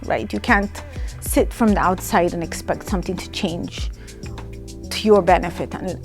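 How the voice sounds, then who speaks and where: Emphatic woman from Ethiopia, soft music behind. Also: mid-range voice. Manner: emphatic, often adds tag questions. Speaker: programs director. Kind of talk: interview-style testimonial.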